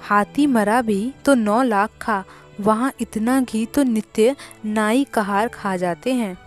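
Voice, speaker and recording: A woman voicing a proud young wife, dignified, sharp, slow, fairly high voice. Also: faint music behind.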